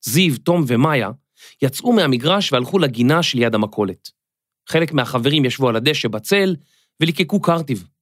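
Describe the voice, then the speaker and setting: A man narrating a scripted children's story in a clear, expressive storytelling manner. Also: medium pitch, no room sound. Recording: dry studio, faint music.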